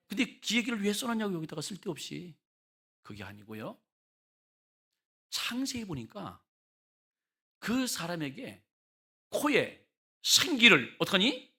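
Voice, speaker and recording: A man's voice: on the high side, gravelly, sharp tone, breathy edge. A male pastor preaching a revival sermon in a church, emphatic and full of rhetorical questions to the congregation.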